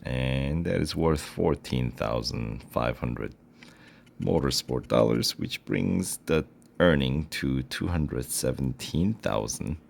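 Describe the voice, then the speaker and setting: A man with an extremely deep, gravelly voice talks through a racing game in casual commentary. He speaks slowly and thinks aloud, pausing often with small fillers. A faint hum of noise sits behind him. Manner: relaxed, thinking aloud with many "uh" pauses. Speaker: gaming channel host.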